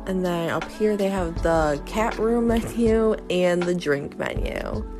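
A small business vlogger in her thirties gives a casual tour of a small cat cafe shop, her stuffy-nosed voice lowish, slow, and wildly swooping in pitch. She's chatty, upbeat, and easygoing, using lots of fillers, with loud music playing behind her.

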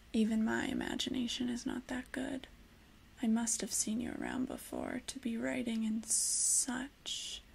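Woman acting a hushed, creaky, obsessive librarian in ASMR role-play. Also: a little high, a little hiss or hum, full character voice. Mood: coaxing, infatuated. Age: young adult. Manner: hushed, slow, intimate librarian soft voice with pauses. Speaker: ASMR performer playing a librarian.

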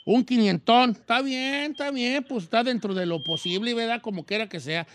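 A man's voice: extremely high pitch, moderate pace, slight background noise. A man with a Mexican accent hosting a comic radio show, wailing theatrically and joking with his co-hosts. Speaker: radio host.

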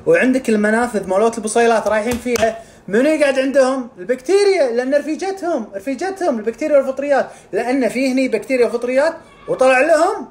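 A man's voice: very high voice, a little mellow. A man explaining health topics casually. He talks animatedly and acts out scenes with sound effects. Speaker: integrative medicine specialist.

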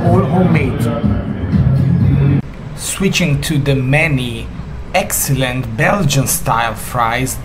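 A man in his forties chatting as he guides a food tour, eager and talkative. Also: medium pitch. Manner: enthusiastic, chatty. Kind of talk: casual food tour chat. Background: music.

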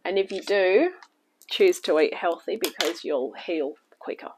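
A New Zealand woman with a lowish, slightly mellow voice goes a little slowly through a recipe in a casual cooking show filmed at her kitchen table. Still a bit weak and coughing at times, she reassures viewers warmly, and the low-quality recording has a faint hiss or hum.

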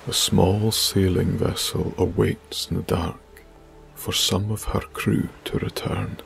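A man narrating a bedtime sleep story in a soft, hushed, breathy manner. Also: low voice, fairly even intonation, takes it slowly, soft background music.

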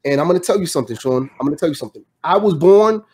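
Emphatic interview host, slightly raised voice. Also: male voice, fairly high pitch, animated, racing, creaky, darkish tone, slightly rough. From Dominican Republic. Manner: emphatic, repeats phrases for effect. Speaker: podcast host. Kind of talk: hosting a casual interview. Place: home studio indoors. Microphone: studio mic with headphones.

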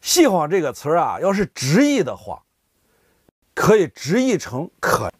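A man's voice: on the high side, normal speed, slightly rough, dry recording, clean studio sound. A man, casually explaining local words to his viewers and acting out everyday examples. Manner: animated, often voices everyday speakers in examples. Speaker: vlogger explaining dialect words. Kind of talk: casual explanatory talk to camera.

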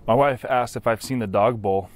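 A man's voice: medium pitch, normal speed. A man, telling short jokes outdoors. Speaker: dad-joke teller. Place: outdoors on a lakeside dock.

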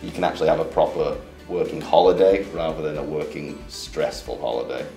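A young man, chatting in a relaxed, upbeat way as an interviewee in a small office. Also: extremely low pitch, fairly quick. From England. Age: 20s. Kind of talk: casual interview chat. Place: small office studio, indoors. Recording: echoey room with light music.

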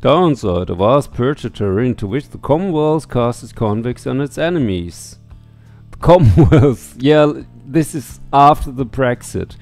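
Faint game music accompanies a middle-aged man reading on-screen text aloud during a relaxed let's play. His medium-pitched voice is animated and darkish, with a measured pace, picked up by a headset microphone in a small indoor room at home.

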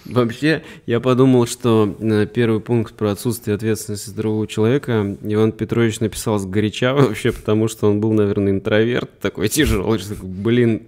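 A man, a psychotherapist co-hosting a podcast, explaining things with many pauses and fillers. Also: on the low side, fairly even intonation, a little mellow. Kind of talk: casual conversation.

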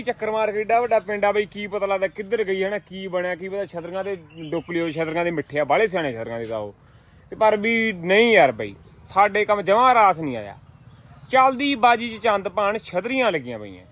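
Blunt, forceful Punjabi Malwai village man. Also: sits high. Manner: blunt, complaining, repeats words rapidly, rough village banter with swearing. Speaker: vlogger at pigeon-flying contest. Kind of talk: casual vlog commentary. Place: outdoors in a village. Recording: noisy outdoor village ambience.

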